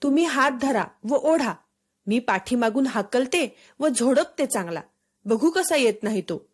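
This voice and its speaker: A woman voicing a strict village mother in a storybook reading, giving sharp commands. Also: on the high side, animated, a little slow, breathy edge. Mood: scolding.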